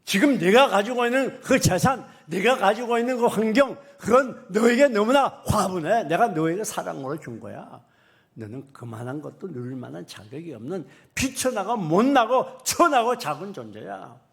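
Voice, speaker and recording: A pastor voicing God as a stern figure who bluntly rebukes a complaining listener in a loud, slowed, emphatic voice. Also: male voice, high voice, lively intonation, vocal fry, pitched above the performer's own voice.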